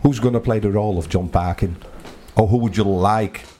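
Male co-host, low voice, playful questions, faint hiss on the line. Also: fairly quick, warm tone. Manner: asks playful hypothetical questions. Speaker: podcast co-host. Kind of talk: casual chat.

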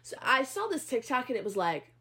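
A woman's voice: on the high side, fairly quick, husky. A young woman co-hosting a podcast, chatting casually in a giggly, rambling way. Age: young adult. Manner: giggly, rambling, animated storytelling. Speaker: podcast co-host. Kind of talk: casual chat.

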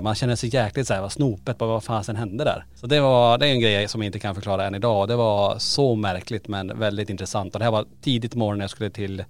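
A man hosting a podcast, telling and reading stories in a casual, animated way with frequent fillers. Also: on the low side, gravelly. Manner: animated storyteller, many fillers. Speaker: podcast host. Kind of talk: casual storytelling chat.

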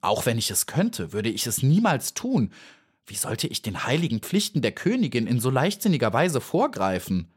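A man's voice: medium pitch, wildly swooping pitch, moderate pace, husky. A man voicing a proud, touchy little female bee in an audiobook, speaking indignantly in a raised voice. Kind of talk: audiobook character voice.

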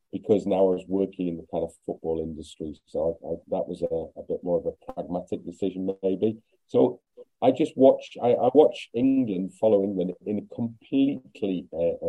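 Low mellow-voiced guy from wales, thoughtful and dry, bit muffled sound. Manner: measured, thoughtful, wry. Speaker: football pundit guest. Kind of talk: podcast discussion. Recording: slightly muffled audio.

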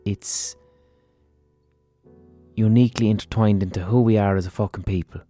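A man's voice: fairly low pitch, steady tone, moderate pace, dark tone, soft background music. An Irish man hosting a podcast, talking casually and earnestly with some swearing. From Ireland. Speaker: podcast host. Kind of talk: casual spoken podcast introduction and interview.

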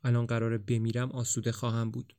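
A man's voice: medium pitch, completely flat delivery, mellow, clear, resonant tone, dry recording, clean studio sound, close to an everyday voice. Anxious young man in a storybook reading, voiced by a man; earnest and searching. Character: anxious, questioning young man facing death. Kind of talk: audiobook dialogue reading.

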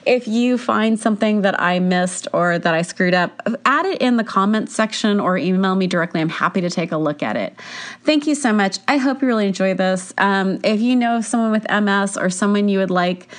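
A woman's voice: mid-range voice, normal speed. A woman hosting a podcast, chatting casually through a cold, with a congested, stuffy nose and a tired sound. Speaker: podcast host. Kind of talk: casual podcast episode introduction.

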